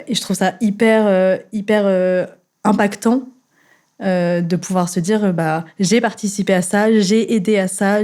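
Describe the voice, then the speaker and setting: A woman's voice: on the low side, a little mellow. Young French woman, chatty guest. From France. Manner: chatty, many fillers and restarts. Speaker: engineer, guest. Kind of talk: casual chat.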